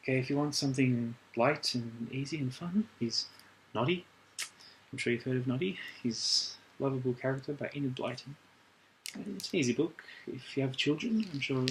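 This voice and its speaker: A man doing an ASMR role-play as a librarian, chatting gently and recommending things in an unhurried way. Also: mid-range voice, a little hiss or hum, low-quality recording. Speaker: ASMR performer playing a librarian.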